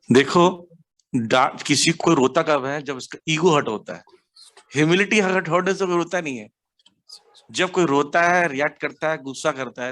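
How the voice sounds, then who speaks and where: A man from India giving a devotional class, telling stories animatedly and mixing English words into his speech. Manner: animated storytelling, acts out quotes with sharp pitch jumps. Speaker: preacher.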